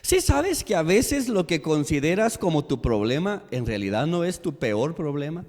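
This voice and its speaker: A man preaching a sermon as pastor in a church, slow and emphatic, repeating his questions to the congregation. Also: a little high, sing-song, a little mellow. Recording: long church hall reverb.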